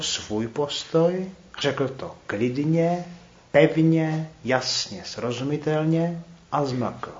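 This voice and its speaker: A man leading a group Bible study, talking reflectively and pausing to put questions to the group. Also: on the high side. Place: room with a small group. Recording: roomy, dull recording with faint clicks.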